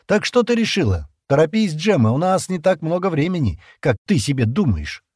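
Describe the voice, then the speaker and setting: Male reader doing a husky, domineering space pilot who speaks curtly and mockingly in a dry audiobook recording. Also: a little high, sing-song, moderate pace, darkish tone, dry recording, voice pushed up. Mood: harsh, mocking. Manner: curt, sneering, commanding.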